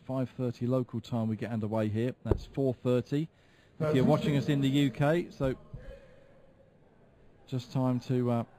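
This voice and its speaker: Even-toned male darts commentator. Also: medium pitch, normal speed, background noise. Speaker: sports commentator.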